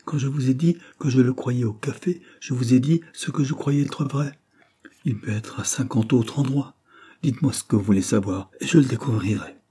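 A man's voice: mid-range voice, moderate pace, dark tone, husky, pitched above the performer's own voice, close to an everyday voice. A man voicing a startled, cowardly young man in an audiobook reading, speaking in a nervous, defensive way. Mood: pleading.

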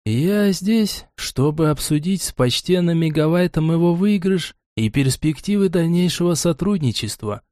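A man's voice: a little high, animated, darkish tone, no room sound, clean studio sound, voice pushed up, lightly acted. A man reading an audiobook, voicing a patient, pedantic male gnome bookmaker who speaks formally and precisely. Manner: polite, formal, measured. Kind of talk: audiobook character voice.

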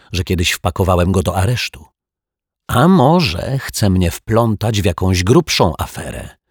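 Lektor jako poczciwy, naiwny detektyw. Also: male voice, sits low, breathy edge, dry recording, studio quality, exaggerated voice. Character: fussy gentle male detective, earnest and naive.

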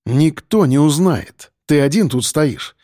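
A man's voice: a little high, animated, slow pace, warm tone, dry recording, clean studio sound. A man voicing a stubborn male police detective who talks bluntly and presses hard. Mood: firm.

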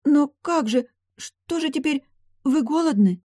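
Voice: mid-range voice, fairly quick, darkish tone, no room sound, studio quality, natural voice. A reader voicing a frightened young female vampire maid with a trembling, pleading voice, as an audiobook role. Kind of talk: audiobook character voice.

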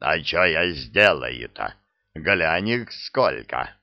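A man voicing a gruff, hulking male giant henchman in an audiobook, grumbling and blunt. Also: extremely low pitch, lively intonation, slow, dry recording, muffled recording, voice pushed down, heavily acted.

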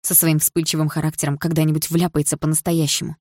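A woman reading a first-person novel aloud in a soft, expressive way. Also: low-pitched, quick pace, dry recording, studio quality. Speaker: audiobook narrator.

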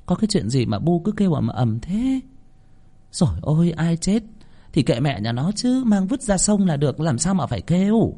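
A man's voice: fairly high pitch, animated, brisk, pitched above the performer's own voice, lightly acted. A man voicing a spoiled, cruel young daughter who talks in a petulant, bossy way.

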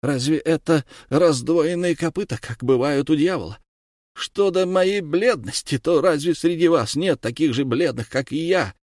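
A male reader voicing a proud accused nobleman, shouting indignantly in a raised voice. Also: a little high, moderate pace, dry recording, clean studio sound, pitched above the performer's own voice, lightly acted. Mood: accusing.

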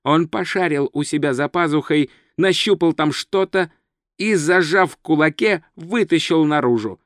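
A man reading a humorous fantasy novel aloud as audiobook narrator, steady and measured. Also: on the high side, no echo, clean studio sound.

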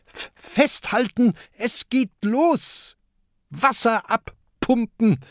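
A man's voice: very high voice, very slow, a bit bright, no room sound, clean studio sound, pitched above the performer's own voice, exaggerated voice. A man reading a children's audiobook, voicing a small, hot-tempered pirate boy who stammers. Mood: excited. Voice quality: stuttering.

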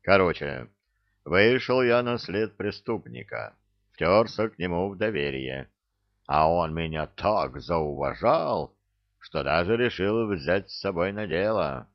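A man's voice: low-pitched, lively intonation, slow pace, no room sound, dull audio, heavily acted. A man voicing a cheeky, glib young adventurer who wheedles, in an audiobook. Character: cheeky young male adventurer, smooth-talking chancer.

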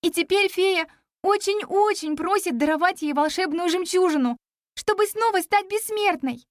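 A woman voicing a curious, excited young girl who asks eager questions. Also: very high voice, normal speed, no echo, studio quality, pitched above the performer's own voice. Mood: pleading. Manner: eager, exclamatory.

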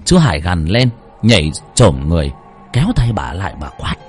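A low, slightly husky male voice tells a scripted horror story with lively, rising and falling delivery. Faint music plays underneath. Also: brisk. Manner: dramatic storytelling. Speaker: narrator.

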